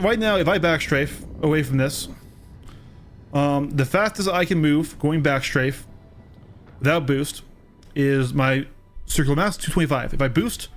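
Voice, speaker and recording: A man streaming a game, explaining things step by step in a casual way and often checking in with "right?" and "okay?". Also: fairly high pitch.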